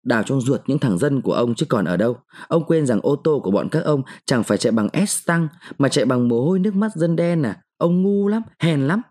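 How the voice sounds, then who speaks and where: A male narrator voicing a sharp-tongued, defiant mandarin's wife who scolds and taunts her husband. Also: medium pitch, expressive, a little fast, hardly any pauses, close to an everyday voice. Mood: scornful.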